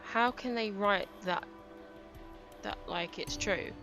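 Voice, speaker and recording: Woman reading as a grieving young detective. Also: mid-range voice. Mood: somber. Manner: somber inner monologue, read aloud haltingly. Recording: game music behind.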